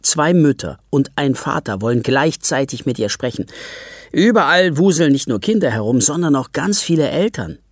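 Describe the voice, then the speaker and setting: A narrator reading a children's story aloud in a lively, expressive way. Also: mid-range voice, moderate pace, breathy edge, no echo, clean studio sound.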